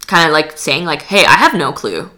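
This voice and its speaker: A young woman born in Poland chats casually as a podcast guest, full of "like" and restarts. Her voice sits low and is very animated, pushed and bright, at a moderate pace.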